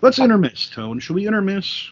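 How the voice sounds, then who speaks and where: A man's voice: high-pitched, fairly quick. Rambling, cussing podcast storyteller man. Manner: animated rambling storyteller, swears freely. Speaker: podcast host. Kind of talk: casual storytelling chat. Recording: dull lo-fi recording.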